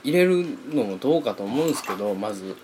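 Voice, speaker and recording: Animated young man with a Kansai accent. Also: fairly low pitch, fast talker, heavy background noise. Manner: animated storytelling, mimics voices, laughs often. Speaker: podcast co-host. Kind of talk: casual chat.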